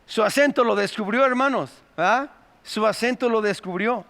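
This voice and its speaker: A man's voice: high voice, moderate pace, gravelly, a bit bright. A man with a Mexican accent preaching a sermon, calling his listeners "brother" and asking them rhetorical questions. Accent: Mexican Spanish. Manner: addresses the congregation as "hermano", rhetorical questions. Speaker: pastor. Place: church sanctuary. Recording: long hall reverb.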